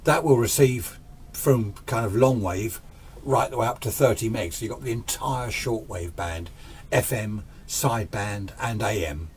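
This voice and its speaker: An amateur radio hobbyist in his sixties gives an informal, unscripted explainer in a fairly low voice at a measured pace. He rambles conversationally and poses little questions to himself, with slight background noise present.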